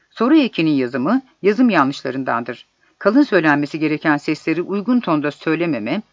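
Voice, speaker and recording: A man with a high voice reads exam questions and their solutions aloud in a measured, deliberate way. The recording is dull and lo-fi and very dry, with no room sound at all. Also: a bit bright, no room sound. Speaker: exam prep narrator.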